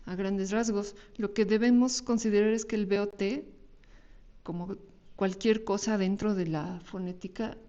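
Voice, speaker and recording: A woman's voice: medium pitch, steady tone, a little slow, mellow, dull audio. A woman with a Mexican Spanish accent giving a recorded university lecture over slides, explaining patiently and often checking in with tag questions. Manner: explanatory, frequent tag questions and small restarts.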